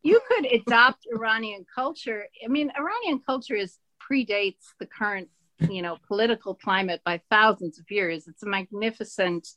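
Animated Irish woman telling stories. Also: mid-range voice, normal speed, no echo. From Ireland. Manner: animated, laughing, emphatic storyteller. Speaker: guest. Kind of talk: casual conversation.

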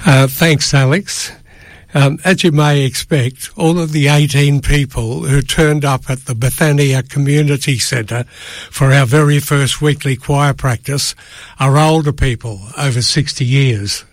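As a radio studio guest, an older man who sings in a choir delivers a prepared statement, formal and careful in his wording. His medium-pitched voice is fairly even and a little slow, recorded dry on a studio microphone.

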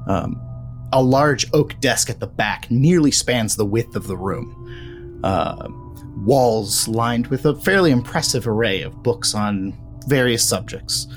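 A man narrating a tabletop horror role-play game as game master, relaxed with frequent ums. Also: medium pitch, slow, faint music behind.

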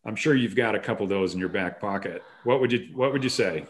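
Low-voiced man asking questions. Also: fast. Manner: relaxed, conversational questioning. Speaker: interviewer. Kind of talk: casual interview.

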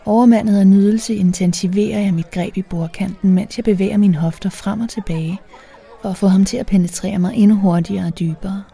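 A woman narrating a first-person erotic story in a soft, intimate voice that often slips into a whisper. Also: mid-range voice, steady tone, vocal fry, breathy edge, some chatter behind.

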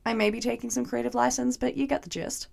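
A young woman with a hoarse, gravelly voice recaps and reviews a TV episode in a chatty, wry, playfully sarcastic way. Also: fairly high pitch, steady tone, fast talker, darkish tone.

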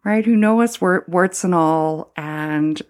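With a lowish voice, a middle-aged woman from Canada who used to be an Anglican priest talks reflectively as an interview guest. Her speech is full of pauses, fillers and restarts.

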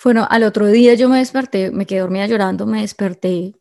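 A woman's voice: medium pitch, quick pace, warm tone. A woman telling her viewers a personal story in an emotional, confiding way, often restarting her sentences.

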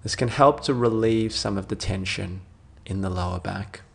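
A man narrating a guided sleep meditation in a soothing sleep-story manner, with gentle phrases that trail off softly and long pauses between them. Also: deep voice, vocal fry, husky.

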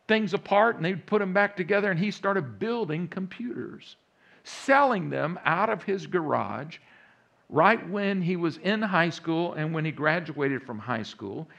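Texan preacher with a gravelly voice. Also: male voice, a little high, a bit bright, lo-fi sound. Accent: Texas. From Central Texas. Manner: folksy storytelling with rising emphasis. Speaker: pastor. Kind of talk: sermon.

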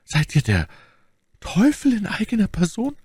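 A man putting on a shrill, venomous noblewoman. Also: sing-song, a little slow, vocal fry, dry recording, clean studio sound, full character voice. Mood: defiant. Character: icy vengeful noblewoman, adult, furious. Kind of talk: audiobook character voice.

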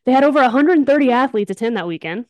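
A young woman from Alabama, a softball player, co-hosts a casual podcast in an enthusiastic, emphatic, slangy way. Her high voice is expressive, fast, and darkish in tone, recorded lo-fi with no echo.

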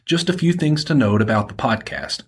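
A man from Alabama with a Southern accent and a slightly husky voice, presenting and reading as an author on his podcast. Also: mid-range voice, lively intonation, normal speed. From Alabama, United States. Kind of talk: podcast introduction and audiobook-style first-person narration.

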